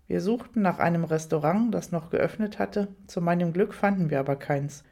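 In a lower register, a woman reads a first-person audiobook tale, keeping a steady narrative rhythm with a few lightly amused moments.

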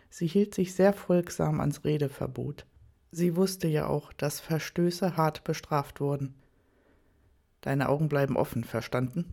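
A reader giving a calm, measured scripted narration of a story, unhurried and even. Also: medium pitch.

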